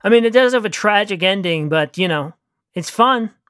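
Author reading their own weird little story, deadpan and dry, then just chatting about it after, close dry audio, no room sound. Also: mid-range voice, moderate pace, smooth, dry recording. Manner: dry deadpan narration, chatty and giggly when talking afterward. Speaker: author and narrator.

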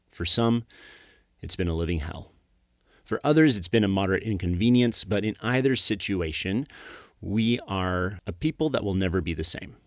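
A middle-aged man with a low-pitched voice narrates a scripted, reflective podcast. His delivery is earnest and measured, touched with dry humor. The sound is dry, with very little room around the voice. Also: dry recording. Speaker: podcast host, former pastor.

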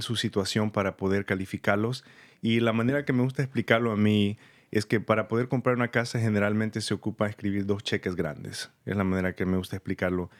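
A man from El Salvador, a loan officer guest in an interview, explaining in a friendly way with simple step-by-step talk and easy laughs. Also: on the low side.

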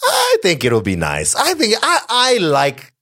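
A man from Zimbabwe hosting a podcast chat, excitable and eager. His voice jumps all over in pitch as he gets worked up. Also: a little slow. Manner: excitable, lively, enthusiastic. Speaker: podcast host. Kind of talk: casual chat.

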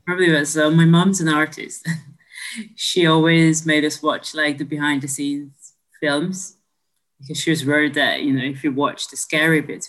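A woman's voice: sits low, a bit bright, rough recording. A young woman from Hungary, a podcast guest, chatting in an upbeat, friendly way. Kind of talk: casual chat.

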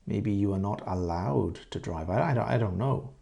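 A middle-aged Englishman from Great Britain, an English teacher asking and answering conversation questions and repeating phrases slowly for learners. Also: on the low side, vocal fry, dark tone.

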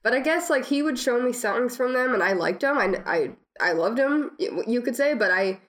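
A young adult woman with a cold, her voice deeper and chesty, chatting casually and informally about music. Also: animated, normal speed. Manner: frequent "like", informal. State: has a cold, tickly throat, coughing.

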